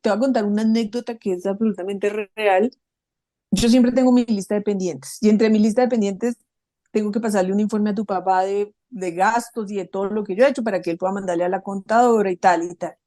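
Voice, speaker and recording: A middle-aged woman co-hosting a podcast, talking in an animated, emphatic storytelling way. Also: mid-range voice, brisk, no room sound. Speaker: podcast co-host. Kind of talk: casual conversational talk.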